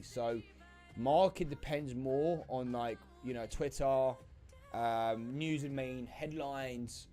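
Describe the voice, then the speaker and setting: A man's voice: medium pitch, darkish tone. Chatty man on a livestream. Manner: chatty, filler-heavy, greets viewers. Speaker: trading livestream host. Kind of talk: casual livestream chat. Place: home desk setup. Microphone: desk microphone.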